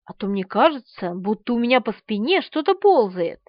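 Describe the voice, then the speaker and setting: A woman's voice: fairly high pitch, very animated, moderate pace, no room sound, highs cut off. A woman voicing a squealing, panicky young woman. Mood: uneasy. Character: young woman terrified of insects.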